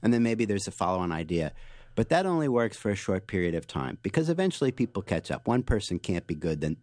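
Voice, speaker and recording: Male guest, very deep voice, dry studio sound, animated storyteller. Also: fast talker, no echo. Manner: animated explainer, frequent restarts and fillers. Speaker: author and guest. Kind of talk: interview answers, storytelling.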